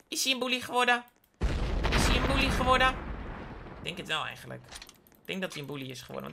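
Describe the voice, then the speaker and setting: A woman giving playful game commentary as a gaming YouTuber, excitable, with sudden high squealing outbursts. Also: a little hiss or hum. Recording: clear keyboard typing and clicks.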